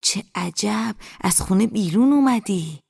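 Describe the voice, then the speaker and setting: A woman's voice: medium pitch, animated, creaky, a little mellow, husky, no echo, studio quality, heavily acted. Monir, a woman doing a chatty older librarian. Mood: fussing. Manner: talks nonstop, fussing.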